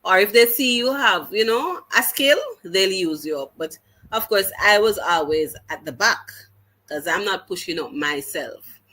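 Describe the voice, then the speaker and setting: A teacher with a Jamaican accent speaks in a mid-range, expressive voice that is bright and forceful. Telling her story as an interview guest, she is earnest, halting with frequent restarts, and drifts into patois.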